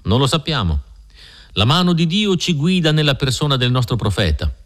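A man's voice: medium pitch, big pitch swings, normal speed, pitched above the performer's own voice, natural voice. A man voicing an earnest, devout pioneer escort in an audiobook reading.

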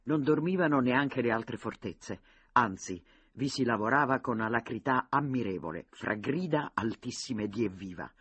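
A man reads a novel aloud in steady storytelling fashion. His voice has a husky grain. The recording is dry and close, with no room sound. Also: medium pitch, normal speed, no echo. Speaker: audiobook narrator. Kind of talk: audiobook narration.

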